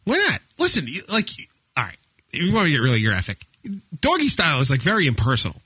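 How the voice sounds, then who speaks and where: A man's voice: mid-range voice, wildly swooping pitch, quick pace, sharp tone, breathy edge. A man in his thirties, a radio show co-host, telling blunt stories in crude casual banter, laughing often and padding with fillers. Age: 30s.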